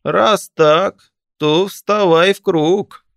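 A man voicing a bossy old dead man with a creaky, shrill voice who shouts orders at a living guest. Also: drawn-out words, no echo, clean studio sound, full character voice. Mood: gleeful shouting.

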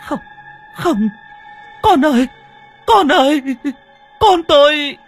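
A man voicing a grief-stricken young village mother who calls for her dead son in a high, wailing falsetto. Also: lively intonation, slow pace, faint music behind, exaggerated voice. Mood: anguished sobbing.

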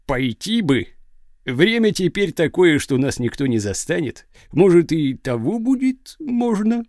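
A man's voice: on the high side, big pitch swings, a little slow, darkish tone, no echo, clean studio sound. A man doing a sly grumbling old villager. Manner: muttering to himself, wheedling and resentful.

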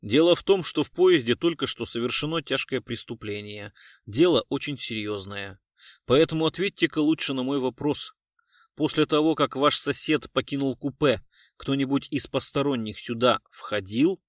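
A composed, ironic police colonel who questions suspects with cold calm, read by a male narrator. The voice sits in a steady middle range. The sound is dry and close. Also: mid-range voice, moderate pace, no echo, natural voice. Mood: cool.

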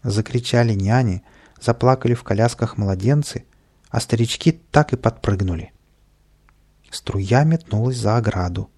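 Gravelly-voiced man reading a children's story. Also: medium pitch, normal speed. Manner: lively storytelling, plays all the voices. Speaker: audiobook narrator. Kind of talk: children's audiobook narration.

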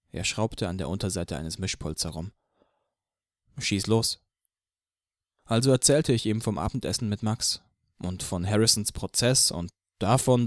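A man narrating an audiobook in the first person, reading in a measured, even way. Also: fairly low pitch, dry recording, studio quality.

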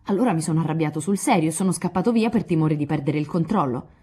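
Indignant proud youth, read by a woman; husky, warm tone. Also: low-pitched, fast. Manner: indignant, blustering. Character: hot-tempered proud young man.

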